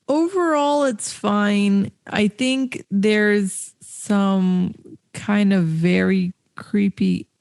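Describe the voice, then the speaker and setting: A woman's voice: medium pitch, vocal fry, a little mellow, no echo. A woman co-hosting a movie podcast, talking casually and enthusiastically, repeating words for emphasis. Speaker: podcast co-host. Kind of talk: casual movie review chat.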